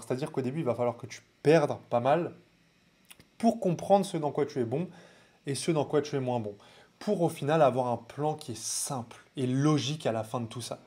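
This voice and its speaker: Animated French trading coach, man. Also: on the high side. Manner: animated, conspiratorial asides, familiar address. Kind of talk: casual direct-to-camera advice.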